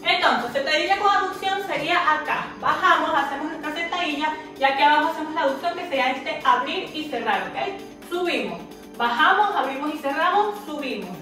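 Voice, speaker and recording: A woman's voice: high-pitched, lively intonation, fairly quick, sharp tone. A woman working as a fitness instructor, giving exercise cues and counting repetitions aloud with short, encouraging commands. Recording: echoey room, far from mic, music behind. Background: music.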